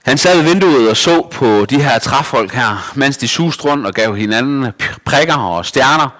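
A man reading a children's story aloud in a lively, expressive way. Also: mid-range voice, in a large hall.

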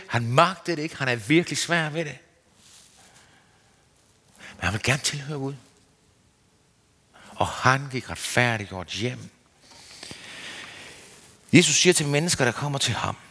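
A man giving an earnest, searching sermon as a preacher, his pitch rising and falling. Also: a bit bright. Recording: long hall reverb.

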